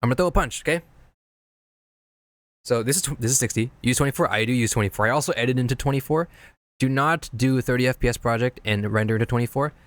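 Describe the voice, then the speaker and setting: Talking fast in a mid-range voice, a streamer reviews edits sent in by viewers and casually teaches video editing along the way. His step-by-step explanations ramble and repeat. The audio has no echo.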